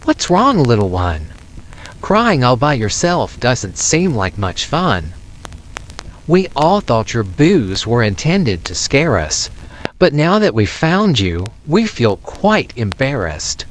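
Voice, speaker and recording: Guy doing a kind storybook elephant, gentle n curious, slow pace, real expressive, bit of hiss. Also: mid-range voice, low-quality recording. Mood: kind, concerned.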